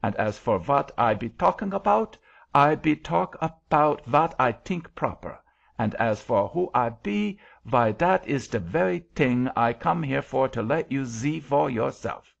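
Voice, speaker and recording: A man's voice: medium pitch, lively intonation, creaky, muffled recording, voice pushed up, heavily acted. A man voicing a bossy, irascible little self-styled angel who blusters in broken English with a thick German accent, in a storybook reading. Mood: haughty. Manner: blustering, broken English, drawn-out emphatic delivery.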